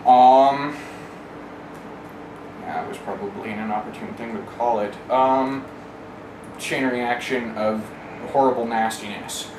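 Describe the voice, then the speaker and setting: Recorded on a roomy, distant mic with clear background noise, a man wryly tells a candid personal story as an interviewee. He swears casually and acts out remembered exchanges, speaking slowly in a mid-range voice with fairly even intonation and frequent pauses.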